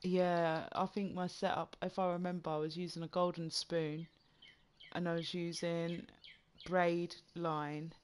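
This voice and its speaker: A man's voice: on the high side, flat delivery, measured pace, a little hiss or hum. A man with a slight lisp streaming a fishing game, chatting casually with friends and stumbling over words now and then. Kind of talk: casual gaming chat.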